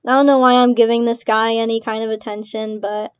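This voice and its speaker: Here the young woman's voice sits fairly high, with a flat delivery, a slightly fast pace and a clean tone. Answering accusations as an online creator, she keeps swearing, laughing between remarks and sounding sarcastic and dismissive in her casual reaction commentary. The dry recording has a tinny, phone-like lo-fi sound.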